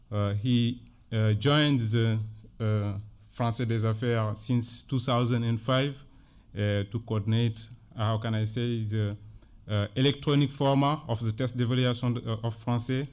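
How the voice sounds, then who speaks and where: Halting male moderator introducing a speaker. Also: medium pitch, darkish tone, clean tone. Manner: halting, many fillers. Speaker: session moderator. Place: conference room.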